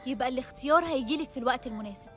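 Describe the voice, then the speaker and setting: A woman with an Egyptian accent voicing a caring mother who calmly explains things to her daughter. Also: high-pitched, racing, soft background music, pitched below the performer's own voice. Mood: soothing. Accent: Egyptian Arabic.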